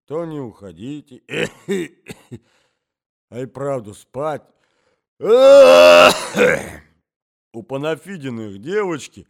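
A man's voice: mid-range voice, darkish tone, pitched above the performer's own voice, natural voice. A man voicing a doddering, fussy old husband who talks in a sing-song way and breaks into coughing fits. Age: older.

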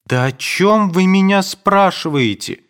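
A man's voice: fairly high pitch, moderate pace, fairly bright tone, voice pushed up. Man voicing a pleading, flustered young woman. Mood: bewildered. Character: young woman, anxious and torn. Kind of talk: audiobook reading.

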